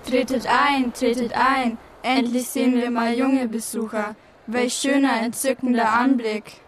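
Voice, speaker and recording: A woman's voice: fairly high pitch, flat delivery, a little slow, natural voice. A woman playing a proud, vain marble victory goddess with a grand, theatrical manner in an educational audio drama. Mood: grandly welcoming.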